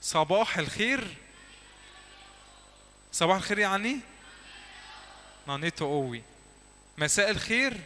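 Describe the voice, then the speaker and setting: A man with an Egyptian Arabic accent teaching a church class, quizzing the listeners and repeating words slowly so they echo them back. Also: high-pitched, lively intonation, sharp tone. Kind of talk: lively classroom teaching with drills. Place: church hall.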